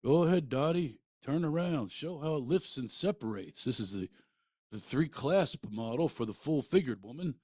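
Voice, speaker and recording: A man voicing his brash, scheming salesman father with a pushy sales-pitch delivery. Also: expressive, moderate pace, dark tone, no echo, studio quality, close to an everyday voice. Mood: salesy.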